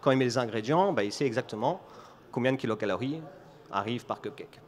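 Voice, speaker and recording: A man's voice: mid-range voice, expressive, fast talker. A man from Belgium with a Belgian French accent, giving a conference talk and explaining an idea through a running story, with frequent restarts. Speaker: conference speaker.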